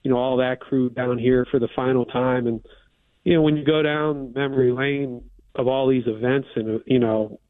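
A man's voice: mid-range voice, fairly even intonation, moderate pace, no room sound. A man from Pittsburgh, a university athletics official, talking casually as a guest on a radio show over a remote satellite line, with plenty of "you know" fillers. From Pittsburgh, USA. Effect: remote satellite line, phone-like sound. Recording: tinny remote phone-like line.

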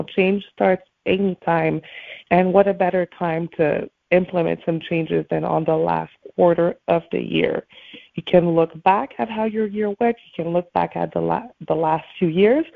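A woman's voice: lowish voice, creaky, no room sound. A woman speaking as a morning show host, giving an encouraging motivational talk and addressing her listeners directly, over a call line. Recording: thin phone-like call audio.

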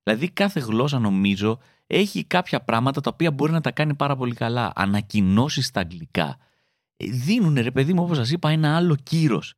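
This is a stand-up style comedy monologue from a young adult man, captured in studio quality without any echo. He's animated throughout, impersonating quoted voices with sharp pitch swings as his stories unfold.

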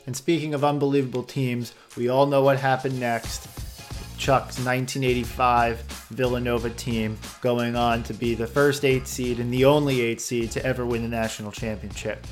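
A podcast host with a mid-range male voice wraps up the episode in an upbeat way. Faint music plays quietly under his voice. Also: medium pitch, little pitch movement, moderate pace. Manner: brief affirmations, upbeat sign-off. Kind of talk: podcast interview and outro.

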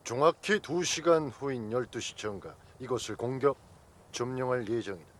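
An actor playing a cold, menacing army commander in a war film, with a commanding manner. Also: male voice, mid-range voice, moderate pace, fairly bright tone, lightly acted. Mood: cold menace. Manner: commanding, threatening.

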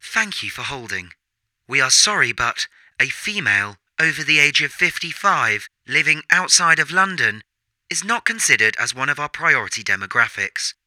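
A man putting on an automated phone line voice, patronizing, crisp and bright, animated pitch, dry close sound. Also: moderate pace, no echo. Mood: mock polite. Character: smug robotic male phone menu voice. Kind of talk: comedy sketch parodying a phone menu.

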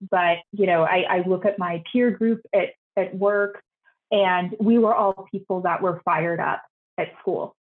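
Answering an interviewer's questions over a video call, a young architect speaks in an earnest manner and quickly repeats her words. Her voice turns high with excitement. She appears as a guest, and the audio is tinny.

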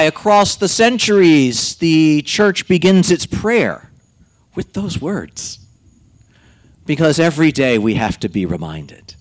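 A man giving a liturgical Gospel reading and homily as a clergyman, solemn and deliberate, with emphatic pauses. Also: fairly high pitch.

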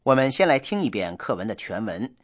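A man hosting a scripted radio English lesson, explaining in a measured, steady way. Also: lowish voice. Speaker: language lesson host.

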